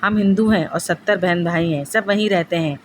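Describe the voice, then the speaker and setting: A woman's voice: on the low side, slight background noise, natural voice. A woman voicing a threatening female jinn who possesses a young woman, in a storytelling narration. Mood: menacing. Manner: threatening, demanding.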